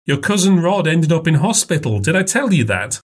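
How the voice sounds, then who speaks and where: A man doing a high fussy old mum. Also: very animated, a little fast, husky. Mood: fussing. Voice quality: high put-on voice. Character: fussy older mother, chatty and doting.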